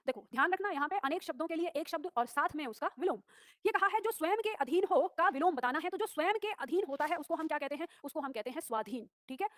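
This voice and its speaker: A woman teacher rushing through exam questions and explaining each answer briskly. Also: high-pitched, no room sound, clean studio sound. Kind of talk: exam-prep class.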